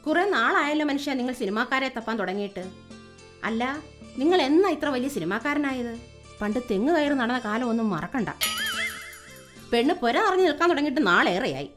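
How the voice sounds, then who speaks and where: A woman's voice: high voice, very animated, brisk, fairly bright tone. A woman voicing a sarcastic middle-aged wife and mother who scolds her husband, with faint music behind. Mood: scolding.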